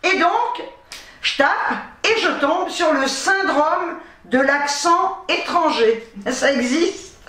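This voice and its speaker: Chatty grandmother vlogger, high voice. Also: expressive, slow pace, a bit bright, reverberant. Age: older. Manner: chatty, laughs often, blunt and swears lightly. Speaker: shopping-haul vlogger. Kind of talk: casual chat to camera. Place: home office.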